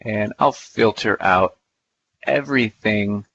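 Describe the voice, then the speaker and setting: A man walks through a software demonstration in a playful, folksy way, thinking aloud as he goes. His voice sits a little low. The recording is dull and lo-fi, like conference audio. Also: slow, creaky, a little hiss or hum. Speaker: presenter. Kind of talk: live software demo talk.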